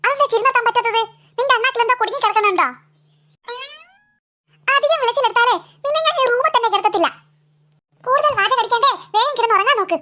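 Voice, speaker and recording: A woman's voice: extremely high pitch, quick pace, long pauses, sharp tone, a little hiss or hum. A woman voicing a tired, scolding mother of two girls in a cartoon. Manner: nagging, exasperated scolding.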